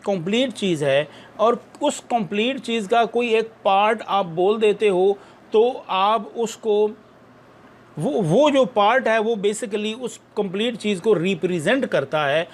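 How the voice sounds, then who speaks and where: A man's voice: high-pitched, expressive, slow. A man teaching an English lesson, explaining carefully and repeating pronunciation drills. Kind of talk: recorded online lesson in Urdu-Hindi with English terms.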